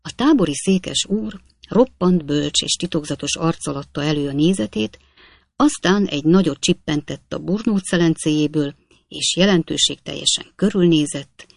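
An audiobook narrator reading a classic comic novel with measured storytelling. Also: mid-range voice, creaky, no room sound, clean studio sound.

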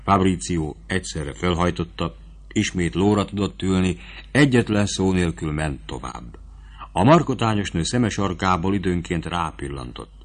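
A man reading a novel aloud as a narrator, in a steady, measured storytelling voice. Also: low voice.

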